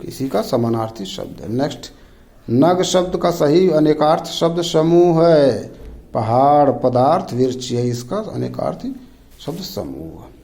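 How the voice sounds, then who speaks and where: A man's voice: a little high, warm tone, rough recording. A man tutoring Hindi exam questions, reading each option aloud and naming the wrong one. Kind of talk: rapid quiz walkthrough.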